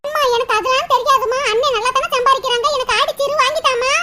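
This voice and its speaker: A woman's voice: very high-pitched, fairly even intonation, rapid-fire. A woman voicing a spoiled married daughter in a cartoon, whining and pleading. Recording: loud hiss under voice.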